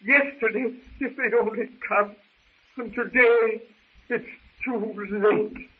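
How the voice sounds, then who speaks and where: A man's voice: extremely high pitch, steady tone, takes it slowly, breathy edge, exaggerated voice. An actor playing a distraught, stubborn elderly professor and father in a 1930s radio serial, stammering and fretful. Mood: despairing. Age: older. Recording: muffled 1930s radio recording.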